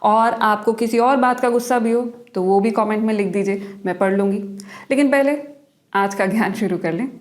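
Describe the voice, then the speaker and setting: A woman's voice: mid-range voice, normal speed, no room sound. A woman hosting a health explainer series, talking straight to viewers in a chatty, playful way. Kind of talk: conversational science explainer.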